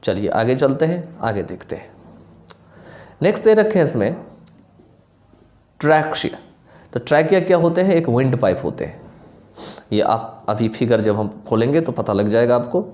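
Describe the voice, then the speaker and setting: A man teaching a lesson, reading English definitions aloud slowly and then explaining them again in plain words, checking in often with his students. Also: medium pitch, sing-song, darkish tone. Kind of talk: Hindi lecture on English phonetics, mixing Hindi and English.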